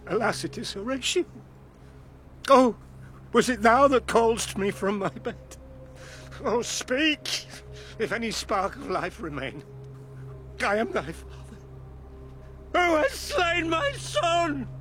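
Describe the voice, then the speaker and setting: A grief-stricken father voiced by an actor declaims anguished verse in a classical drama. His voice is fairly high and bright, and he speaks at a slow, weighted pace. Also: lively intonation, faint music behind. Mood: grieving. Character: grief-stricken aging father seeking revenge.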